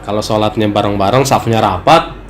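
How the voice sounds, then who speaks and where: A man acting as an ustaz, who teaches Islamic law in a relaxed, conversational study session and sometimes acts out the questions worshippers bring him. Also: on the low side, brisk. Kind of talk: religious study talk. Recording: echoey room with some noise.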